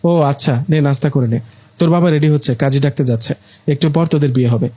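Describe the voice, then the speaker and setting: A bossy middle-aged mother, put on by a man in a storybook tale, scolding and pushing for the wedding. The voice is husky and a touch high, dry and close. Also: quick pace, a little mellow, no echo, natural voice. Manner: scolding, pushy.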